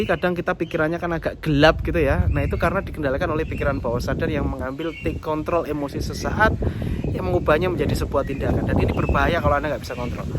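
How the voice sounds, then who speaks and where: Male motivational coach, casual repetitive delivery, mid-high voice, recorded with audible vehicle noise. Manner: repetitive coaching, addresses viewers directly. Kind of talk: casual self-help talk. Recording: clear background noise with passing vehicles.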